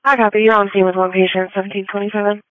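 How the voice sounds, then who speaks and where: A woman emergency dispatcher comes through a dispatch radio, reading unit numbers and confirmations at a brisk clip. Her voice is crisp and clipped. The audio is dull and muffled, like a scanner feed, with no room sound. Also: medium pitch, level tone. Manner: clipped, routine call-and-confirm phrasing. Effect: dispatch radio transmission. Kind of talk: terse radio dispatch calls.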